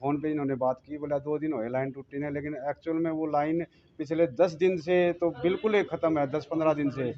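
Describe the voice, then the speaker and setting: A man's voice: fairly high pitch, fairly even intonation, fairly quick, few pauses, lo-fi sound. A man, a local resident, complaining insistently in a street interview. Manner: aggrieved, insistent.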